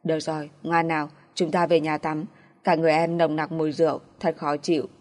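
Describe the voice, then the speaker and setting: A woman's voice: low-pitched, steady tone, moderate pace. A woman voicing a stern, possessive young man who talks in a brusque, clipped way. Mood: soothing. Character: stern, possessive young boyfriend, cold but tender.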